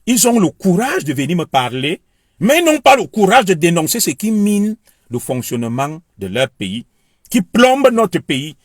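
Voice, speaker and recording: A man's voice: high-pitched, very animated, moderate pace, breathy edge, no room sound, clean studio sound. A Cameroonian man with a Beti French accent, delivering an impassioned, lecturing political monologue straight to his viewers. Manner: heated, declamatory, lecturing the viewer. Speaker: political commentator.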